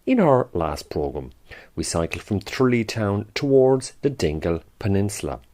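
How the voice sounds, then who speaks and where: Male radio host, low voice with very lively pitch, friendly interviewer. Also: normal speed. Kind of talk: radio documentary presenting and interviewing.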